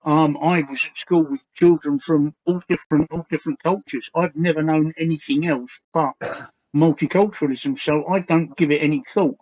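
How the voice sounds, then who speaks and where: Over dull, lo-fi stream audio, a Cockney-accented man in his sixties from East London rambles earnestly through a casual livestream chat, repeating phrases as he thinks. His pitch is fairly high, his intonation fairly even, his pace moderate, and his tone darkish.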